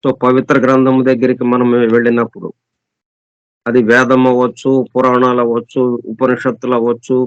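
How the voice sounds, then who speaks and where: A man teaches a scripture lesson in a slow, deliberate way, repeating himself and stacking up near-synonyms to drive each point home. His pitch sits at an ordinary middle level. The recording is dry and dull, with a lo-fi edge. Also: completely flat delivery, smooth, dry recording. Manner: reads English passages slowly. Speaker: spiritual teacher.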